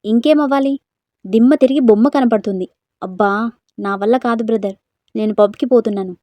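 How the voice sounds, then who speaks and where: A woman's voice: fairly high pitch, fairly quick, dark tone, no room sound, close to an everyday voice. A woman reading a story aloud, voicing an easygoing younger brother-in-law who jokes and coaxes. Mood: coaxing. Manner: breezy, coaxing.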